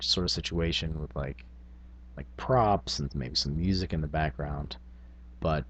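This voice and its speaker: A tabletop gaming video blogger speaks informally to camera, thinking aloud in casual talk. His voice is low-pitched, with slight background noise.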